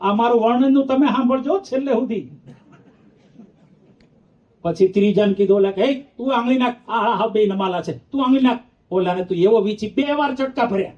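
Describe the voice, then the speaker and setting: A man's voice: very high voice, brisk, darkish tone. A male monk giving a storytelling sermon, playfully acting out characters and teasing his listeners. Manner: playful, acts out the characters, teases the audience. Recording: dull lo-fi sound.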